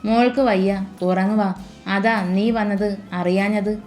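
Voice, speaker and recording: A woman's voice: mid-range voice, fairly even intonation, unhurried, a little mellow, soft background music, close to an everyday voice. A woman voicing a middle-aged mother who is fond and teasing, with a homely, chiding way of talking.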